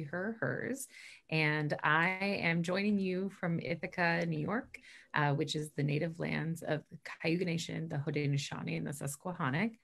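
A chatty woman in her late thirties talks about her work in a casual video-call interview, upbeat and rambling with fillers and asides. Her voice sits low for a woman. She is heard through a laptop mic in a small bedroom. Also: creaky, a bit bright. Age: 30s. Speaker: stage manager and professor, interview guest. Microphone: laptop webcam mic on a video call.

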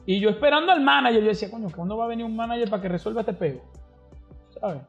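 A man's voice: sits high, fast, vocal fry. A man, telling stories as a podcast guest in casual, slangy talk and acting out the people he quotes. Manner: animated, slangy, acts out quoted voices. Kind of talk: casual storytelling interview. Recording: slightly dull podcast audio with faint music.

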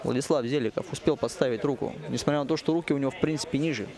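A man giving live MMA commentary, halting at times and repeating phrases for emphasis. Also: mid-range voice. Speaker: fight commentator. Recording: music and crowd noise behind. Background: arena music and crowd.

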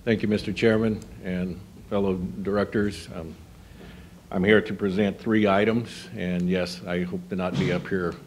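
A man giving a formal, brisk presentation to a board from a podium microphone in a large hall. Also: sits low, flat delivery, darkish tone, a little hiss or hum. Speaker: staff presenter.

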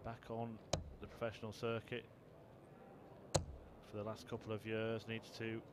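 A man giving measured, understated and informative sports commentary on a darts match. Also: on the low side, monotone, very noisy.

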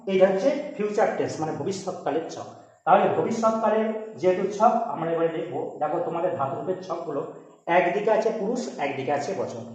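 A man's voice: a little high, darkish tone. A man teaching Sanskrit grammar to students, explaining rules step by step and often checking that they follow. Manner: quick, repeats rules and checks with "ঠিক আছে?". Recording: very echoey room.

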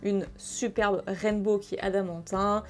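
A young woman chatting casually while opening trading card packs, breaking into excited exclamations. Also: mid-range voice, a little slow. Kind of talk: casual excited unboxing chat.

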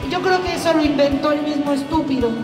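Mexican woman comic-host, high voice, punchy live stand-up in a roomy hall. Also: steady tone, quick pace, recorded from a distance, over music. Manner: high-energy, audience-teasing delivery. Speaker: comedy show host and stand-up comedian. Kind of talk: stand-up comedy routine. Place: live comedy venue with an audience.

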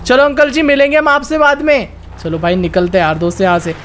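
A man's voice: very high-pitched, level tone, a little fast, a bit bright, faint music behind. A man hosting a gaming channel, giving chatty gameplay commentary and constantly calling his viewers friends and brothers as he playfully narrates his character's romance.

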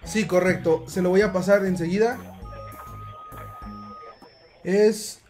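A young man makes a prank phone call from a room at home, posing as a worried father and speaking politely and hesitantly. His voice is high-pitched and darkish in tone, slow, with fairly even intonation, and faint music plays behind him.

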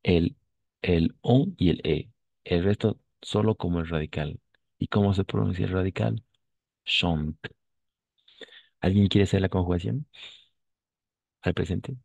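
A man with a very low, gravelly, slightly husky voice gives a language lesson. He talks patiently, repeating and spelling words letter by letter. The sound is dry, with no room echo. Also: fairly even intonation, a little slow, long pauses, darkish tone. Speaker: French teacher.

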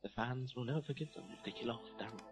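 A man making dry, deadpan quips while commentating a party game. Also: mid-range voice, racing. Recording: dull lo-fi mic with music.

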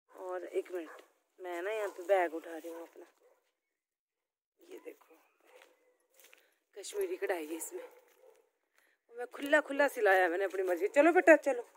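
A woman's voice: a little high, darkish tone. Chatty Himachali woman vlogging. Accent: Himachali Pahari. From Himachal Pradesh, India. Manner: rambling, homely, talks straight to viewers. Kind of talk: casual chatty vlog.

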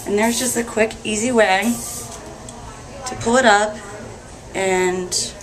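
A woman's voice: mid-range voice, fairly even intonation, takes it slowly, crowd noise, low-quality recording. A young woman hair stylist casually explaining a hairstyle step by step while doing her own hair in a salon. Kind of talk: hairstyling tutorial.

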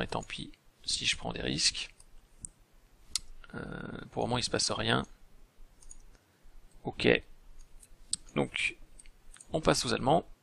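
A man's voice: mid-range voice, creaky, sharp tone. A man giving casual commentary over a strategy game, thinking aloud with frequent hesitations. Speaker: game video host.

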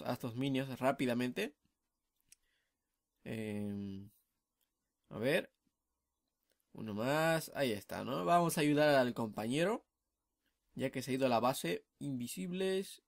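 Chatty excitable young gamer man. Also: medium pitch, dry recording, studio quality. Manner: chatty, excitable, many tag questions. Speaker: gamer commentating his match. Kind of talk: casual gameplay commentary.

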